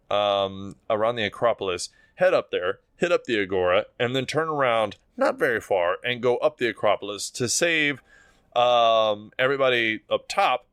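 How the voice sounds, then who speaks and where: A man with a mid-pitched voice narrates a tabletop game as its game master. He is informal and rambling, swears freely, and sounds dry and close with no room echo. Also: fairly bright tone.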